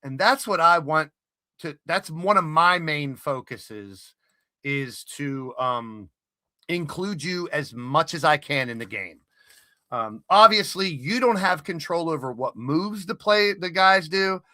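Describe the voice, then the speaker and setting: A man's voice: a little high, pushed and bright, dry recording, studio quality. A man hosting a live stream, talking casually and explaining things step by step with many fillers. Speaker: stream host.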